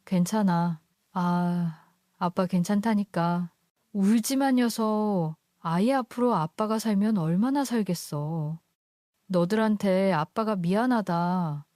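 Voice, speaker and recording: A woman voicing an ailing elderly father who gently consoles his daughter. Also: mid-range voice, takes it slowly, no echo, clean studio sound, lightly acted. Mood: gently consoling. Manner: soft, consoling.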